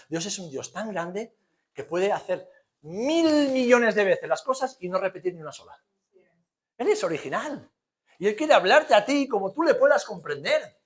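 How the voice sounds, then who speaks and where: This high-voiced man, who has an accent from Spain, delivers a chatty sermon as a pastor. He fills it with rhetorical questions, repeats points for emphasis and slips in everyday humour.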